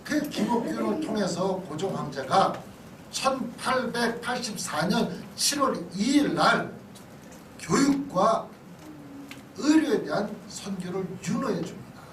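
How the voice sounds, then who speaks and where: A male pastor with a high-pitched, expressive, somewhat bright voice takes his time through a conversational history lecture in a church hall. He regularly checks in with listeners via questions and asides, while the distant mic captures echo and background noise.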